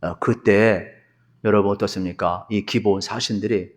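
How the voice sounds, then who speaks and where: A man's voice: lowish voice, normal speed. A male pastor delivering a televised sermon in a church, telling the story vividly and acting out its scenes. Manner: animated storytelling, acts out scenes. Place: church sanctuary.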